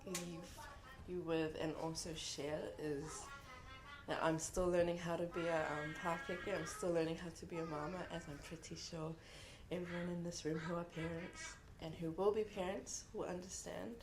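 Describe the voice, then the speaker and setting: An earnest young woman from New Zealand, with a lowish, steady voice, gives a heartfelt speech as a contributor at a book launch in an event room. She's reflective and pauses often.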